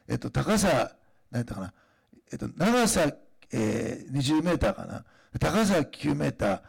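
A man preaching a sermon in a conversational way, pausing often with fillers and then rising into emphatic declarations. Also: fairly high pitch, gravelly, breathy edge. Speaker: pastor.

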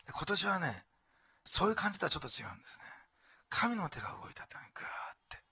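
A male pastor with an Osaka accent, preaching a sermon and asking the congregation rhetorical questions. He swings from hushed whispers to loud exclamations. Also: high-pitched, sing-song, fast talker, husky, no echo.

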